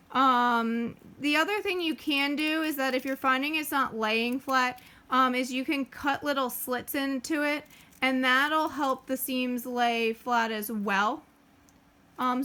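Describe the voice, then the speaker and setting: A woman's voice: on the high side, bright, forceful tone. A woman hosting a casual sewing tutorial, chatting and using lots of fillers as she talks through each step while she works. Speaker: craft tutorial host.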